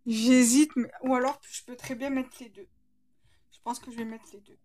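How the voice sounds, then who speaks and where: A woman's voice: a little high, fairly even intonation, normal speed, a little mellow. A woman with a slight lisp, hesitantly thinking aloud as she narrates a casual craft tutorial.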